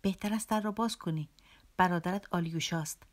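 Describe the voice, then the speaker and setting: A woman's voice: on the low side, close to an everyday voice. A woman reading an audiobook, voicing a sarcastic male devil who taunts his host. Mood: mocking. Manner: teasing, sarcastic. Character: mocking male devil visitor, sly and taunting.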